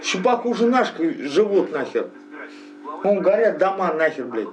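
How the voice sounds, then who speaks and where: A man talking casually in a rough street-thug manner, full of slang and heavy swearing. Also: high-pitched, very animated, moderate pace, a crowd in the background. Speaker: local resident being interviewed.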